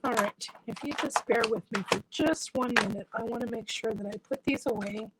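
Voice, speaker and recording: Brisk and a little high, a woman's voice competes with heavy background noise. She's an independent stamping demonstrator whose voice is giving out, chatting through a step-by-step tutorial at her craft table while her hands do the work.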